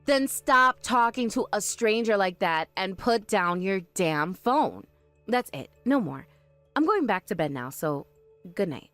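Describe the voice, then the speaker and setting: A woman voicing a calm, sharp-tongued young woman in an animated story, speaking firmly and with dry exasperation. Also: mid-range voice, unhurried, no echo, faint music behind.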